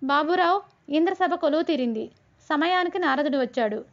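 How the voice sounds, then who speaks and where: A woman narrating a children's storybook tale in a steady, measured way. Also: sits high. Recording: dull lo-fi recording.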